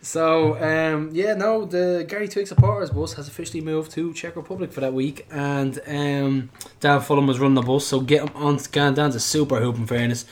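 A man's voice: on the high side, fairly even intonation, moderate pace, hardly any pauses. An Irish man hosting a football fan podcast in a casual, chatty, joking and colloquial way. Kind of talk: casual chat.

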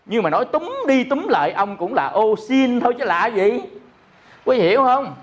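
A man's voice: extremely high pitch, big pitch swings, moderate pace, muffled recording. A man with a Southern Vietnamese accent giving a Buddhist dharma talk, explaining by repeating himself and asking listeners questions. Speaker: Buddhist teacher.

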